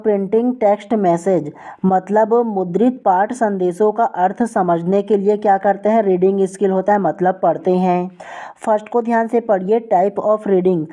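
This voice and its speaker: A woman teacher giving an online exam-prep lesson, reading each definition out slowly and then explaining it step by step, often asking what the term is called before answering. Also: mid-range voice, mellow, lo-fi sound. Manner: repeats the question "what will we call it?" before each answer.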